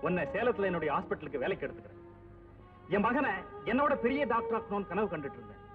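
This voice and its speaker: An actor playing a grieving, fatherly older male eye doctor who talks gently and slips English phrases into his speech. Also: high-pitched, sing-song, quick pace. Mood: gentle. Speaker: eye surgeon. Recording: tinny far-off old film soundtrack with music.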